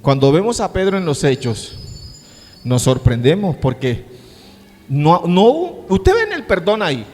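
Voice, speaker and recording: A middle-aged man preaching a sermon as pastor, swinging from hushed words to shouts. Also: sits high, wildly swooping pitch, moderate pace, few pauses. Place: church sanctuary. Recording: long church-hall reverb.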